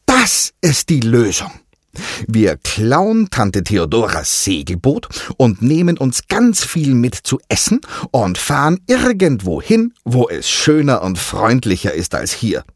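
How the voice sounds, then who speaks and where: A man's voice: mid-range voice, huge pitch swings, slow pace, husky, dry recording, clean studio sound, voice pushed up, heavily acted. A man voicing an eager young boy in a storybook reading, talking earnestly through his plans.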